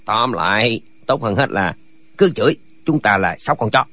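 A man's voice: fairly low pitch, lively intonation, normal speed, pushed and bright. A man voicing a group of quarrelsome, foolish male martial hermits in a radio drama reading, bickering back and forth.

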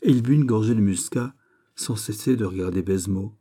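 Man reading a classic novel, dark voice. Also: fairly low pitch, normal speed, breathy edge. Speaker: audiobook reader. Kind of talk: literary audiobook narration.

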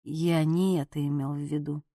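Woman doing a proud, injured young guy, low and strained, dry close sound. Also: flat delivery, moderate pace, warm tone, no echo. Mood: gruff. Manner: strained, muttered, dry mocking. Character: wounded stubborn young man, gruff and proud.

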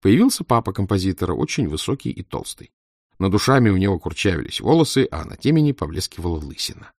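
Expressive male audiobook narrator. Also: low voice, quick pace, husky, no room sound, studio quality. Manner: expressive storytelling. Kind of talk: audiobook reading of a children's story.

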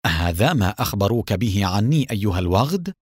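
A man voicing a calm, sarcastic male secret agent hero in an audiobook. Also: fairly low pitch, brisk, husky, no room sound, clean studio sound. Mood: calm mocking.

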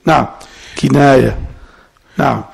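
Male sheikh, gravelly husky voice, patient classical text teacher. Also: medium pitch, fairly even intonation. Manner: explains slowly, repeats the student's words, asks questions. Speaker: sheikh teaching Hanafi fiqh.

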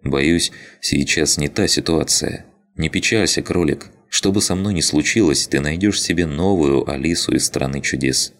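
A man's voice: a bass voice, moderate pace. A man voicing a tired young woman who sounds resigned and wryly sad. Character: weary young woman awaiting her fate.

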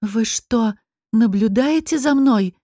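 A proud young sorceress, voiced by a woman narrator, snapping back with indignant, sharp retorts. Her tone is dark and mellow rather than bright, with a dry, close recording. A fiery audiobook heroine who won't be pushed around. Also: a little high, slow, no echo. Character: proud, hot-tempered young woman mage. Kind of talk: audiobook character reading.

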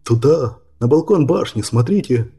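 A man voicing an urgent young male hero in an audiobook, with a husky voice. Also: mid-range voice, expressive, normal speed, warm tone. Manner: urgent, insistent.

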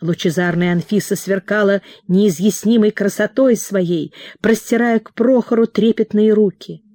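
A woman narrating a novel as an audiobook, in a slow, measured literary reading on a close mic. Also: medium pitch, warm tone, no room sound.

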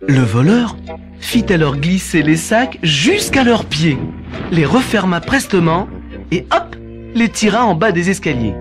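A man narrating a children's story in an expressive, animated reading. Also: high voice, measured pace. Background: faint background music.

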